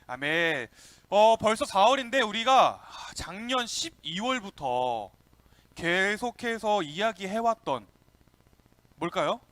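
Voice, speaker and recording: A young man with a high, bright voice leads a children's sermon as the youth pastor, his pitch leaping up and down as he calls out to the kids and quizzes them. The sound is dry and close. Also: slow pace, dry recording. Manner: lively, calls out to kids and asks questions.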